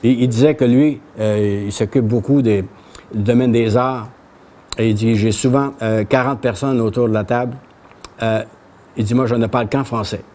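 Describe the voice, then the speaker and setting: Reading from a tablet before a small audience in a brick-walled bookshop café, an older Québécois man delivers a history lecture in a plain, conversational manner, raising his pitch on quoted speeches. His voice is steady, normal in speed and a little mellow, with a little hiss or hum.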